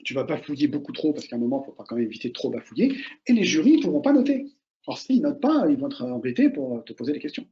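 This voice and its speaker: A man, an author and oral exam coach, giving casual, animated advice and repeating his key points straight to the listener. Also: fairly high pitch, fast, lo-fi sound. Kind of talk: casual advice talk to students.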